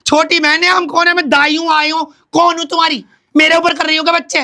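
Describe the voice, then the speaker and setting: A man playing a brash, bossy young woman who scolds her older sister loudly in a comic sketch. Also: extremely high pitch, level tone, fast, full character voice. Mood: ranting. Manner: loud, scolding, theatrical.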